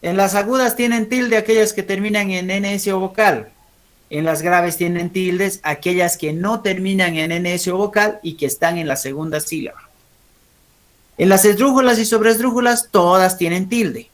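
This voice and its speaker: A man with a Bolivian Spanish accent teaching a language class, often asking students questions and checking they follow along. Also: high-pitched. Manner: keeps checking understanding with quick tag questions; asks students questions and calls on them. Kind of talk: classroom lesson.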